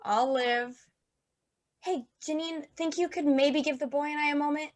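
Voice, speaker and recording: A woman reading a giddy, high-voiced mother. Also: moderate pace, background noise, natural voice. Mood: anxious. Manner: bubbly, flustered, playful. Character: Robin, a giddy, theatrical middle-aged mother. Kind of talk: play reading over video call. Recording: video call audio.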